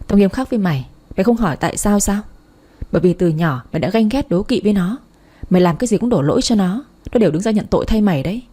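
Woman doing a furious father, scolding, mellow, breathy. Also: medium pitch, expressive, fast. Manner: scolding, accusing. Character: stern, furious middle-aged father.

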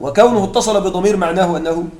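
A man lectures his class on grammar, his voice unusually high for a man yet with a darkish tone. He goes over example after example and pauses to check comprehension while the room echoes clearly around him.

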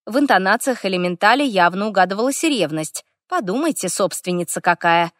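A woman reading a first-person fantasy story aloud with a wry, lively manner. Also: medium pitch, brisk, no echo, studio quality. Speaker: audiobook narrator.

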